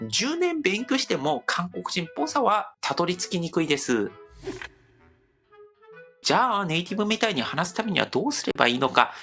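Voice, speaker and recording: Lively Korean man explaining in Japanese. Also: a little high. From Seoul, South Korea. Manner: lively, animated delivery with demonstrative examples. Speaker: host. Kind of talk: explanatory language-learning video.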